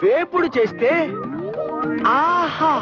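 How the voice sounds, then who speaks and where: A husband lecturing his wife on dishes. He speaks slowly and relishes each word, in a very high voice. Music plays behind him on a dull soundtrack. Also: animated, exaggerated voice.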